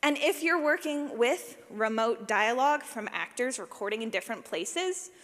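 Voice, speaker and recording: Speaking at normal speed in a voice on the high side, this woman is a sound designer for audio fiction giving a casual conference talk with questions from the audience. Her manner is lively, jokey and self-mocking, with plenty of "like." The live setting is a big, echoey room, and the audio carries that hall reverb.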